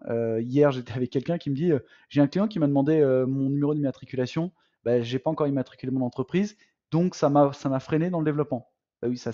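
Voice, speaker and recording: A business coach leads a live online masterclass for would-be entrepreneurs, speaking animatedly to the audience as friends, calling them "les amis," with many fillers and restarts. His voice is mid-range and the sound is lo-fi.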